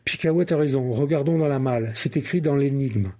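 A man reading a calm, sensible storybook character who explains things. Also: medium pitch, brisk, natural voice.

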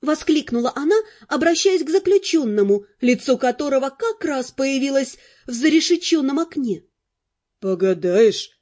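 A woman narrating a romantic fantasy audiobook in the first person, with lively storytelling. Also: sits high, moderate pace, few pauses.

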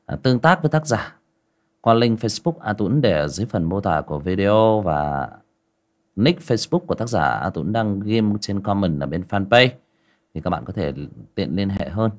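A man hosting a livestream, chatting with viewers and narrating a folk ghost story aloud. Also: lowish voice. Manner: chatty, lively, drawn-out storytelling delivery. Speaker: storyteller and channel host.

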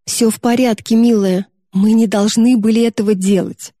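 A woman's voice: a little high, fairly even intonation, normal speed, dark tone, dry recording, studio quality, natural voice. Woman voicing a patient older sister. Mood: coaxing. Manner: patient, coaxing. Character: gentle, responsible older sister, teen girl.

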